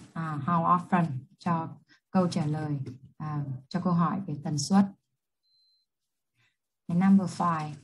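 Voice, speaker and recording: A woman English teacher with a Vietnamese accent, reading test questions slowly and then explaining each answer quickly. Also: fairly low pitch, a little mellow, a little hiss or hum, poor audio. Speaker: high school English teacher. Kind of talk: exam review lesson.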